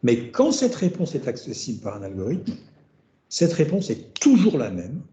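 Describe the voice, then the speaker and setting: A middle-aged man from France gives an academic seminar lecture in a very dark, mellow voice that rises and falls in a lively way. He thinks aloud, restarting words and checking in with his listeners. The dull recording has a roomy echo. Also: medium pitch, moderate pace. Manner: thinking aloud, repeating words and tagging phrases with "hein". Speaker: researcher giving a seminar lecture. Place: seminar room.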